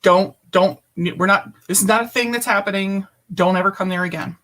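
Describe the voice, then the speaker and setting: A woman's voice: mid-range voice, normal speed, fairly bright tone. Blunt, emphatic woman guest. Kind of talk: personal storytelling in conversation.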